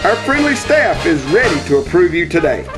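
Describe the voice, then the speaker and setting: A man's voice: a little high, sing-song, normal speed. A man delivering a chipper, upbeat scripted television ad as a spokesman. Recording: music behind the voice.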